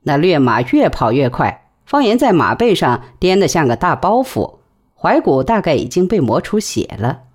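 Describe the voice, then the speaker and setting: A woman narrating a novel in an expressive storytelling manner. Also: deep voice, normal speed, slightly rough. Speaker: audiobook narrator. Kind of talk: novel reading.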